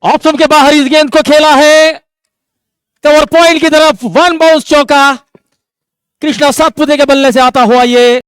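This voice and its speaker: A man giving live ball-by-ball cricket commentary, with excitable, drawn-out calls on the big moments. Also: very high voice, no echo.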